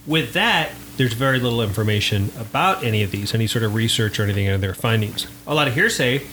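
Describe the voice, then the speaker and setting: A man hosts a loose, casual podcast with friends, talking in a chatty, joking way. His voice is bright and forward, with a faint hiss of background noise under it. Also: fairly low pitch, expressive, fast, poor audio. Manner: joking, chatty, laughs between points. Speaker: podcast host. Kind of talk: casual group podcast chat.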